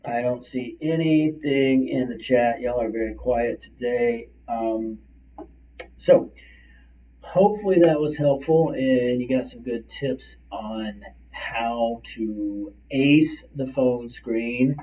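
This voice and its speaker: A middle-aged man, talking fast and chatty as a career coach hosting a livestream from his office. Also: mid-range voice, mellow. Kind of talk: casual livestream coaching talk. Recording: distant mic, slightly far-off sound.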